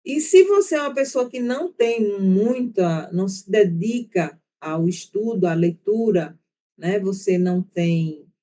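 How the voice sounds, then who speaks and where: A woman with a Brazilian Portuguese accent teaches an online class, her mid-range voice mellow and lively in intonation, never rushed. She's chatty and explains at great length, constantly checking in with students through "né?" and "tá?".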